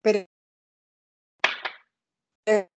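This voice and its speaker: A woman's voice: very slow, mellow, no room sound. A middle-aged woman with an Argentine Spanish accent, explaining things in a conversational way. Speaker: nurse working in Belgium.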